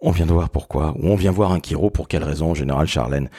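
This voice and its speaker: A man's voice: extremely low pitch, fast, mellow, husky, no room sound, studio quality. A man hosting a podcast, talking emphatically and introducing his guests with big words. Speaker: podcast host.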